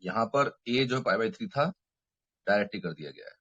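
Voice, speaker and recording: Guy teaching math online, husky voice, explains each step slowly, dull lo-fi mic sound. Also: lowish voice, lively intonation, a bit bright. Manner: explains step by step, checks in with students; mixes Hindi and English terms. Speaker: mathematics teacher. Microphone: microphone.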